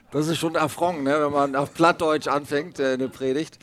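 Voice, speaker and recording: A man's voice: a little high, a bit bright. A man from Hamburg, preaching a chatty, story-filled sermon with many asides and fillers. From Hamburg, Germany. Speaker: pastor.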